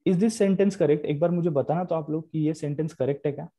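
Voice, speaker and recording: A man's voice: a little high, fairly quick, dark tone. A young man teaching English grammar in a live online class, explaining in Hindi with English terms and repeating key points.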